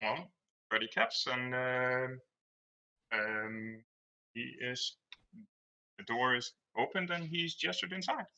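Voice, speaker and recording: Slow-talking man with a very bright voice. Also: medium pitch, gravelly. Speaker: tabletop game player. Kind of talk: halting improvised narration of his character's actions.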